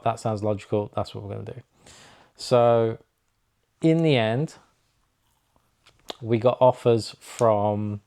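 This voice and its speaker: Chatty young man telling a story. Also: mid-range voice. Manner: chatty, animated, acts out quoted dialogue. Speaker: snowboard instructor vlogger. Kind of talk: casual storytelling to camera.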